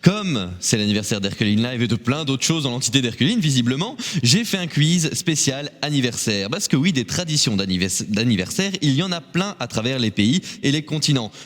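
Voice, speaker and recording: Lively, laughing male quiz host. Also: medium pitch, long reverb tail. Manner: laughs often, jokey. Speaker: quiz host on local live show. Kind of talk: playful quiz hosting.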